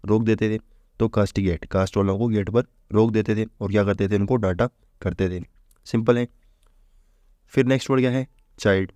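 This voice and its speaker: In a low, mellow voice, a man gives a casual Hindi exam-prep vocabulary lesson, chatting away while he keeps asking questions and answering them himself. The recording is dry and close-miked, with no echo.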